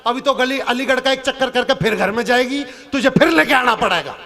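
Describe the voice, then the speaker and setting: Male stage comic poet, piercing high pitch, storytelling for a live show. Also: fairly quick, pushed and bright, some chatter behind. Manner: acts out characters' lines in shifted voices; turns earnest and preachy near the end. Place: outdoor or hall stage before a live audience.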